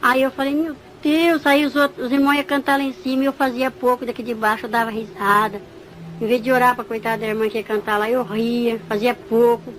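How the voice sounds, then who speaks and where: A woman giving a religious testimony, animated and storytelling, acting out each voice she describes. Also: a little high, fast talker, poor audio. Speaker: church member giving testimony.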